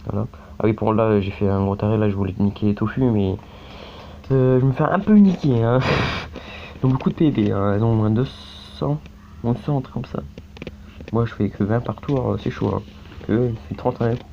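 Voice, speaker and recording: With a low-leaning voice, vocal fry and normal pace, a gaming YouTuber from France chats loosely while playing a mobile game, rambling with lots of fillers and recurring tags. The phone screen-recording mic gives dull, lo-fi sound with faint background hiss.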